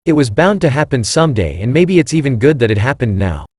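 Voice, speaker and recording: A man reading the lines of a cool, evasive middle-aged wife in his own voice, slightly higher. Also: sing-song, fast, a little mellow, breathy edge, no room sound, clean studio sound. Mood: cold, calm.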